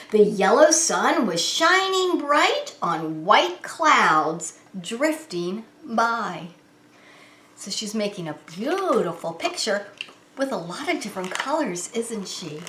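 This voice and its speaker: During story time, a woman acting as a preschool teacher reads a picture book to young children and explains it simply and expressively. She has a fairly high, slightly bright voice, and a little hiss or hum sits under the roomy, echoey indoor audio.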